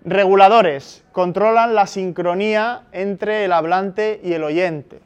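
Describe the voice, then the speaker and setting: A man's voice: high-pitched, fairly even intonation, slow, clear, resonant tone. A man from Spain giving a university lecture, explaining step by step and checking in with frequent tag questions. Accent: Spanish from Spain.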